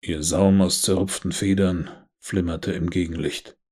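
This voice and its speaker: A man narrating a dark audiobook in a measured, deliberate reading voice. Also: deep voice, steady tone, husky.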